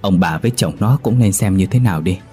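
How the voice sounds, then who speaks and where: An uneasy, superstitious villager at a funeral in a spoken ghost story, as a male narrator puts him on. His deep voice stays hushed and ominous. Faint music plays behind. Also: fast talker, close to an everyday voice.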